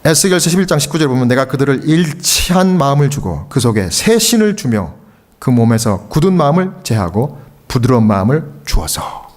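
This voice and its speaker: A middle-aged man from Korea, a pastor preaching at a revival meeting, telling a story and acting out the voices in it, often rising to shouts. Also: sing-song, fairly quick. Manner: acts out quoted voices, shouting the high parts. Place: church sanctuary.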